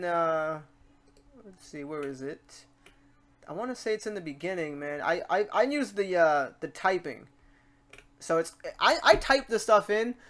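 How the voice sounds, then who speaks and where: In this casual software tutorial, the host, a woman whose voice sits in the mid range, addresses the viewer informally, animated and reassuring as she goes.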